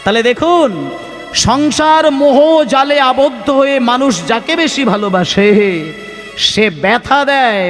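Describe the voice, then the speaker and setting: A man's voice: very high-pitched, a little slow, a bit bright, long reverb tail, soft background music. A man preaching at a devotional kirtan gathering, impassioned and full of rhetorical questions to the audience. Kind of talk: devotional sermon with chanting. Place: devotional gathering with live music.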